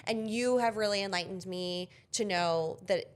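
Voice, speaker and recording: A woman's voice: mid-range voice, normal speed. A young woman hosting a casual podcast chat, candid and chatty, swearing now and then. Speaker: podcast host. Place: podcast studio couch.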